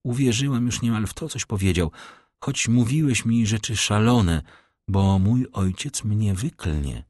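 A man's voice: lowish voice, a little slow, darkish tone, no echo, studio quality, voice pushed up. A man reading an audiobook, voicing a desperate, pleading young woman in love with a tearful, raised voice. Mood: imploring. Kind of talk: audiobook reading of a classic novel.

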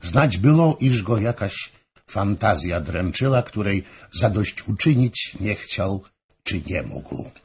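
A male audiobook narrator giving an expressive, measured scripted reading of a historical novel. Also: fairly low pitch, husky.

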